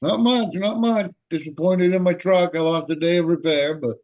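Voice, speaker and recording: A man's voice: high voice, moderate pace, highs cut off. A man co-hosting a podcast, chatting casually in a dry, grumbling way. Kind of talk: casual chat.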